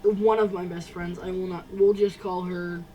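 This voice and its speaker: A teenage girl telling a personal story to camera, halting, with many restarts and fillers. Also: on the low side, level tone, dark tone, far from the mic, a little hiss or hum, rough recording. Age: teens. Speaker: vlogger. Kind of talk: casual storytime.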